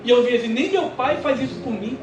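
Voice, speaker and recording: High-voiced Brazilian pastor preaching testimony. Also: male voice, quick pace, background noise. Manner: animated storytelling, acting out quoted dialogue. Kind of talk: sermon testimony. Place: church. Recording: echoey church with music behind. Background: music.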